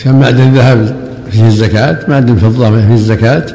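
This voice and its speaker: Gravelly-voiced older sheikh in an echoey hall. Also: male voice, medium pitch, steady tone, quick pace, warm tone. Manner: brief corrections and frequent short acknowledgments. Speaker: sheikh teaching a classical text. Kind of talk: lesson commentary and corrections. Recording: echoey hall with faint ambient noise.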